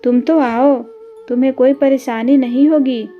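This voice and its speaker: A woman voicing a gentle, loving elderly village mother who speaks humbly and tenderly. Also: high-pitched, steady tone, unhurried, narrow, tinny audio, faint music behind.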